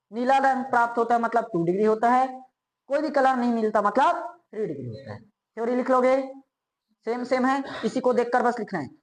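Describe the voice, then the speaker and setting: A woman with a somewhat high-pitched voice teaches a chemistry lesson. She keeps asking quick questions to check that her students follow, then answers them herself. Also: poor audio. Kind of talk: classroom lecture.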